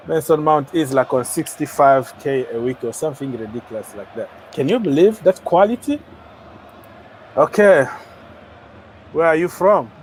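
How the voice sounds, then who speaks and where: A man's voice: medium pitch, slight background noise. A young man hosting a casual football livestream, joking around and talking straight to his viewers. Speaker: livestream host of a football channel.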